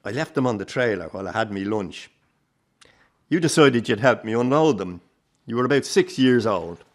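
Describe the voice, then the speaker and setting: An actor gives a lightly acted, naturalistic radio drama turn as an aging Irish circus grandfather who is warm, disillusioned, rueful and plain-spoken, salty yet fond-hearted. His voice is on the low side and animated at a moderate pace, in a fond, reminiscing mood.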